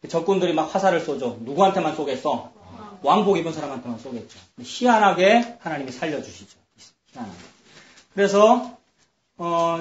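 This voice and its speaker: A man preaching to his congregation, slightly high-pitched and chatty, slipping into the voices of the people in his stories. The sound is dull and lo-fi, with the echo of a church sanctuary. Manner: conversational, acts out voices of biblical figures. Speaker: pastor. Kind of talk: sermon.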